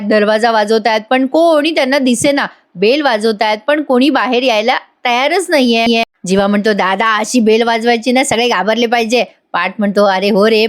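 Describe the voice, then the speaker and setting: A woman with a Marathi accent narrating a lively voice-over recap of a TV serial, acting out the characters' lines and laughing often. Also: on the high side.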